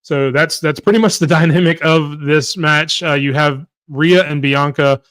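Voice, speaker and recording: A man co-hosts a wrestling podcast, casually walking through matches and reading out viewer comments in a conversational way. His voice is a little high and fairly bright, with a steady tone and moderate pace. There's no echo.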